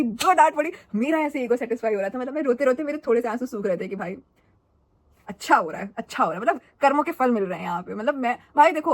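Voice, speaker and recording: A young adult woman telling a school story in a chatty, animated and dramatic way for her vlog. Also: fairly high pitch. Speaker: vlogger.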